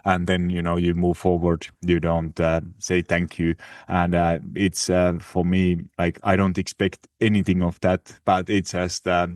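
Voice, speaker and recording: A man's voice: low voice, completely flat delivery, a little slow, a little mellow, no echo, clean studio sound. A Finnish-accented man hosting his fitness podcast in casual, hesitant talk full of fillers and restarts. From Finland. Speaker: podcast host. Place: living in Italy.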